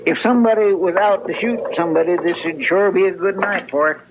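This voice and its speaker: Chester, higher-voiced folksy deputy sidekick. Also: male voice, a little fast. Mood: uneasy. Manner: folksy, plain-spoken, worrying. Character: loyal, fretful deputy sidekick in the Old West. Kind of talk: 1950s Western radio drama acting. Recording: dull, hissy 1950s radio recording.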